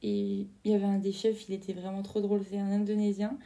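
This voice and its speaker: A young French woman chats through her solo podcast, rambling along with fillers and quick self-corrections. Her voice is mellow and gravelly, and she keeps a flat, even tone. She talks like she is catching up with a friend. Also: medium pitch. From France. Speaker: podcast host. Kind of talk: casual solo podcast monologue.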